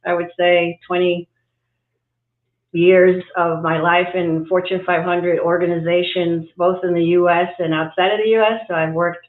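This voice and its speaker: A woman's voice: on the low side, flat delivery, moderate pace. A woman raised in Cuba and New York City, a guest executive coach speaking thoughtfully on a livestream interview, with many fillers and restarts. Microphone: video call. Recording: echoey, phone-like video call audio.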